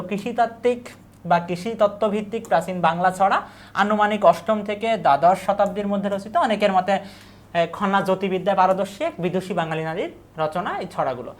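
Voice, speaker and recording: A woman teacher, giving an exam-prep lecture. She asks questions and then answers them herself, and she repeats key words and lists. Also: medium pitch.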